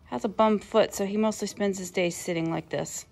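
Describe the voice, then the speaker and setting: A woman's voice: medium pitch, steady tone, creaky, darkish tone. Woman touring her farm, easygoing. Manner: friendly, unhurried, introducing animals one by one. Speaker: farm owner giving a tour. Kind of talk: casual farm tour narration. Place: outdoors and in a barn on a small farm. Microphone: handheld phone camera.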